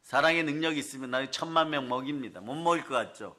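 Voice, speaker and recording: A man preaching a revival sermon in a church, telling a story with lively, acted-out scenes. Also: mid-range voice, quick pace. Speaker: pastor. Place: church sanctuary.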